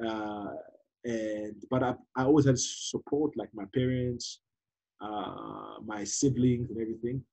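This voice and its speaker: A man's voice: fairly low pitch, a little slow, gravelly, slightly rough, rough recording. A man raised in South Africa, speaking as a prophet in a casual conversation, full of exclamations, fillers and restarts. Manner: animated, exclaims often, many fillers and restarts. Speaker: prophet guest.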